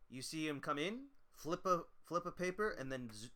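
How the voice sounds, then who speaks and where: A man narrating as game master in a tabletop game, animated and laughing between his descriptions. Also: a little high, normal speed.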